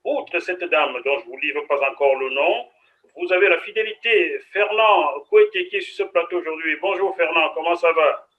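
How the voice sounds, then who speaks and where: A man hosting a studio interview on a web TV show, lively and playful with his guests. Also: on the high side, normal speed, narrow, tinny audio. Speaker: TV show host.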